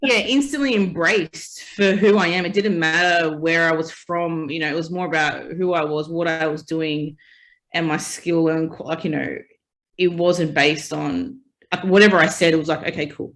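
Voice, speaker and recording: Here the Australian festival founder, a guest in a relaxed interview, speaks at normal speed in a low-sitting, fairly bright voice. She reflects on her own story, leaning on "you know" and "like" frequently.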